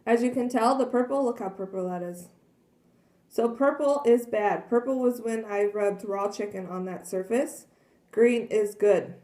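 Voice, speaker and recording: A woman walks through a cleaning demonstration in a chatty, earnest way, slightly hoarse as she loses her voice. Her tone is soft and mellow. The sound rings around an echoey kitchen. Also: on the high side, a little slow. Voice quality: frequent throat clearing and coughs. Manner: chatty, earnest, many fillers. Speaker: product demonstrator. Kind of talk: casual product demonstration. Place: kitchen at home. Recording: echoey room.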